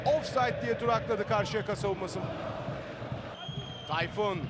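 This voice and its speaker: A man giving live football commentary in excitable, urgent short phrases. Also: high-pitched, unhurried. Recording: loud stadium crowd noise behind voice. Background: roaring stadium crowd.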